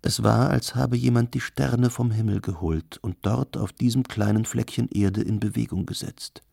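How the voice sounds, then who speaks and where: Male audiobook narrator, calm and measured; low, creaky voice, dry booth sound. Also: dry recording. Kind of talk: scripted narration.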